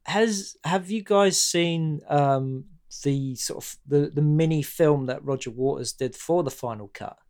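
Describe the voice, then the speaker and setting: A man's voice: fairly high pitch, measured pace, few pauses, darkish tone. A man in casual chat about a film, hesitant and full of restarts, laughing often. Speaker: podcast guest discussing a film.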